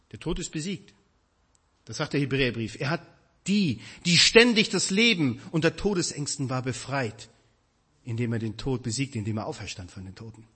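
A man preaching a sermon, addressing his congregation directly with emphatic, animated delivery. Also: medium pitch, slightly rough.

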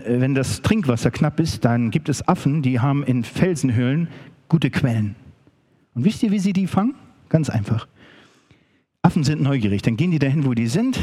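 Husky, emphatic male preacher. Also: a little high, warm tone. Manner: emphatic, addresses listeners directly. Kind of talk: sermon.

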